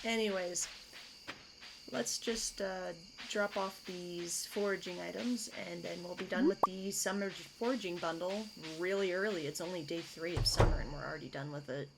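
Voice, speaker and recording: Over game music, a female gaming host talks through a relaxed let's play, laying out her plans one step at a time. She has a fairly low, gravelly voice at normal speed, and the recording is very noisy.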